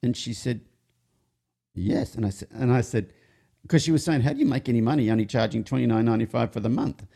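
Fast, gravelly and slightly rough, this man's medium-pitched voice has a dark tone. He's a horse trainer and show host swapping rambling, humorous training anecdotes in a casual chat, constantly interrupting himself and starting sentences over.

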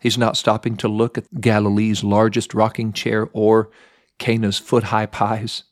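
A man's voice: fairly low pitch, completely flat delivery, unhurried, no room sound, studio quality. A man hosting a Bible lesson podcast, teaching expressively, shifting his pace for emphasis and acting out the quotes.

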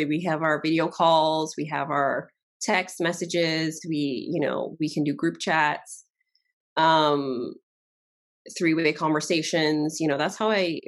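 A woman from Barbados, a guest chatting casually in an interview and laughing often. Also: low voice.

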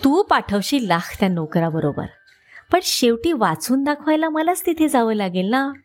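A woman's voice: a little high, very animated, normal speed, soft background music. A woman voicing a sly wise man who fakes a sore foot, groaning and drawing out his complaints. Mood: sly complaining.

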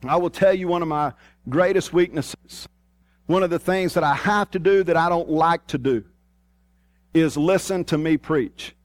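A man's voice: fairly high pitch, moderate pace, no echo. A man preaching a sermon in a plain-spoken, folksy way, with a Southern US hillbilly accent and country twang. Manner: plain-spoken, folksy, repeats key phrases for emphasis.

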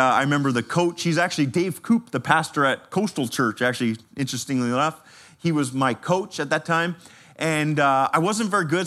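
A man, a pastor giving a sermon with personal stories in a conversational, animated way. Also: fairly high pitch. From Canada. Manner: animated, conversational, laughs while telling stories.

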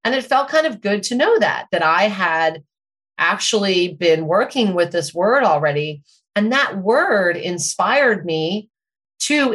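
A middle-aged woman telling a personal story in a measured, thoughtful and self-questioning way, as a podcast host. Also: fairly low pitch, fairly bright tone.

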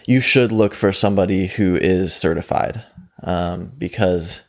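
A man's voice: low voice, measured pace. A young man, a mental performance coach, talking easily in an interview, laughing often and filling with likes and ums. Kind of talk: conversational interview.

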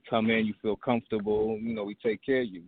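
A man's voice: lowish voice, fast talker, a little hiss or hum. A man from Trinidad who owns a barbershop, chatting casually as a guest and rambling with lots of fillers. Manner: relaxed, rambling with many fillers. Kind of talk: casual interview chat. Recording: dry tinny phone line.

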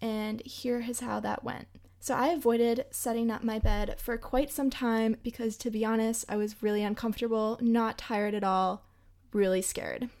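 A woman's voice: a little high, steady tone, moderate pace, darkish tone. A young woman hosting a podcast and telling a travel story in a chatty, emphatic way. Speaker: podcast host. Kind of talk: casual storytelling.

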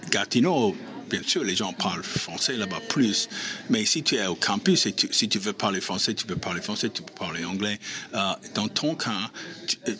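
A man's voice: lowish voice, fairly bright tone. A man interviewing students on a university campus, talking in a hesitant, conversational way with frequent fillers. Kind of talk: on-the-street interview. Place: university campus, busy common area. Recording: crowd chatter behind.

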